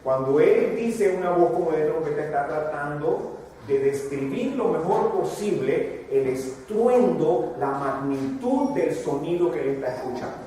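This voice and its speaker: A man from Panama preaching a sermon, walking the audience through a fill-in worksheet and building to emphatic, drawn-out repetitions. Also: on the high side, expressive, dark tone, slight background noise. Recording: echoey hall from a distance.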